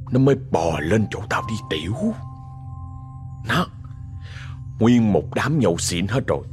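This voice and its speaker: A man with a Southern Vietnamese accent narrates a ghost story in a loose, chatty manner, talking straight to his listeners. His husky voice rises and falls widely, sinking low for the eerie moments. Soft music plays beneath him. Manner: chatty, drawn-out folksy telling with lively rises and drops. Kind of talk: casual spoken storytelling to listeners.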